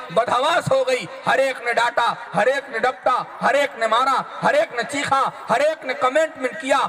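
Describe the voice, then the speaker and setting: A man's voice: very high voice, a bit bright. A male preacher, giving an impassioned, repetitive sermon that addresses the audience as friends. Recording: long hall reverb.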